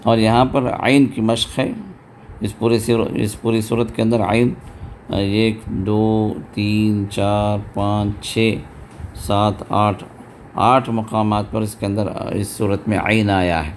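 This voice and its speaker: Male recitation teacher, low pitch, patient step-by-step explainer who chants the examples slowly. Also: level tone, slight background noise. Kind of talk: tajweed lesson with recited examples.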